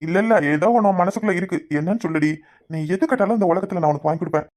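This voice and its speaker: Cartoon husband voiced by an actor, coaxing and pleading, Kanyakumari Tamil accent, mid-pitched voice, very fast. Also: a little mellow, natural voice. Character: coaxing young village husband.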